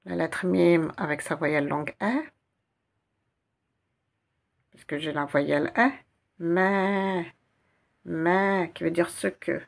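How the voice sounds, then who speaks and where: A woman teaching a slow guided reading lesson, spelling out letters and syllables one by one and repeating each sound. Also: low voice, creaky. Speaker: Arabic teacher.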